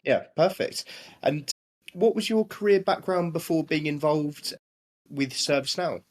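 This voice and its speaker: A man's voice: on the high side, a little slow. Man asking interview questions. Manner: brief, encouraging prompts with some stumbles.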